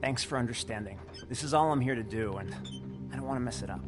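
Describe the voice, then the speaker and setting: A man's voice: medium pitch, fast talker, over music, close to an everyday voice. Young game doorman, male actor: mid-range voice, anxious, loyal, polite, slightly pleading. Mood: polite, nervous. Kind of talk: video game acting.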